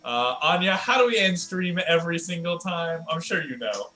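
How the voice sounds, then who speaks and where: A man with a fairly high, very bright voice hosts an improv comedy stream. He chats in a casual, joking way, and the sound is echoey, with music behind him. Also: animated, moderate pace. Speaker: improv comedy livestream host.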